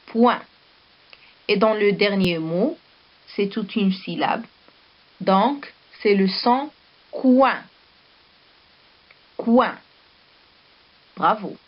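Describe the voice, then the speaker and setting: A woman teaching a primary school lesson with a Moroccan French accent, dictating words slowly and repeating each one. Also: mid-range voice, muffled recording. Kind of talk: slow recorded classroom lesson.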